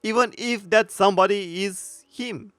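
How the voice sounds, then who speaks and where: Sarcastic male commentary voice, smooth and dry. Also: high voice, a bit bright, no echo. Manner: sarcastic, mocking, frequent filler pauses. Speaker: commentary youtuber. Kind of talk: opinionated video commentary.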